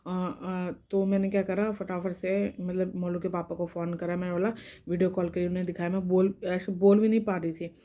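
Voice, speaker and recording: A woman's voice: fairly low pitch, level tone, fairly quick, muffled recording. Young woman talking through a sore mouth. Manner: rambling, restarting sentences, talking carefully around mouth pain. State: sore tongue and lips, speaking with pain. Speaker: vlogger. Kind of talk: casual storytelling to camera.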